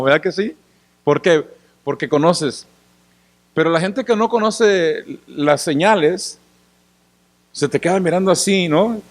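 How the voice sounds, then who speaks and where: A tired male pastor preaches a sermon in a conversational way, often asking the congregation questions and acting out little scenes. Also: fairly high pitch. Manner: acts out little scenes and gestures. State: tired after working in the sun.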